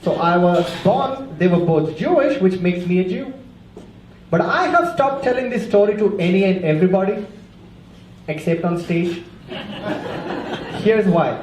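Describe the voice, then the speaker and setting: A male stand-up comic talks to the crowd in a wry, conversational way. His voice sits high. The club echoes around him and the audience is clearly audible. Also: expressive, a little slow, pauses often, a little mellow. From India. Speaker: stand-up comedian. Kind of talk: stand-up comedy routine. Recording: roomy club with audience noise.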